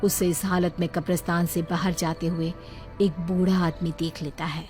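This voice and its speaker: A woman's voice: fairly low pitch, flat delivery, moderate pace. Woman narrating a dramatic horror story. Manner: dramatic storytelling, emphatic at scary moments. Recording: voice over loud background music.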